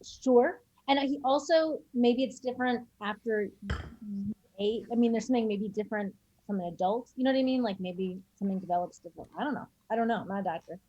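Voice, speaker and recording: A woman's voice: on the high side, brisk, dark tone, breathy edge, no room sound, muffled recording. A woman chatting casually on a podcast, hesitant and trailing off mid-thought. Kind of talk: casual chat.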